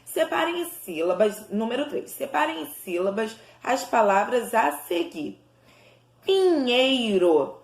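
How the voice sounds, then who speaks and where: A woman teacher with a fairly high voice works through a lesson for young children. She pronounces each word slowly, syllable by syllable. Her voice rings in a bare, echoey room. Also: big pitch swings, vocal fry. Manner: slow, syllable-by-syllable enunciation for children. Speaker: primary school teacher. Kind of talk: recorded remote lesson for young pupils.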